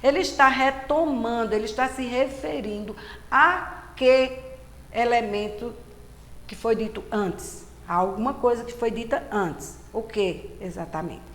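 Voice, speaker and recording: A woman's voice: on the high side, measured pace. A woman teacher with a Brazilian Portuguese accent, giving a recorded lesson and explaining step by step, repeating key words patiently. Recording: roomy echo with faint background hiss.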